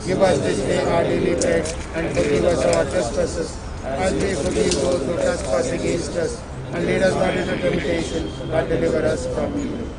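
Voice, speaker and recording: A man reciting solemn graveside funeral prayers as a priest, in a measured, formal way. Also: fairly high pitch, level tone, a loud crowd. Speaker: priest leading funeral rites. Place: outdoors at a cemetery. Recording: noisy outdoor ambience with traffic.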